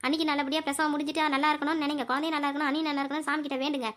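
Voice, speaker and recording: Lady doing a bossy young sister, cartoon, high voice, talks quick. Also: flat delivery, a bit bright. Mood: scolding. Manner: scolding and brisk.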